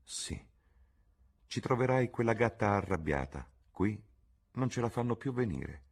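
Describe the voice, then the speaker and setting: A man reading the lines of a jaded young gentleman who murmurs quietly and cynically, in an audiobook. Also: on the low side, expressive, unhurried, creaky, slightly rough, pitched above the performer's own voice, heavily acted.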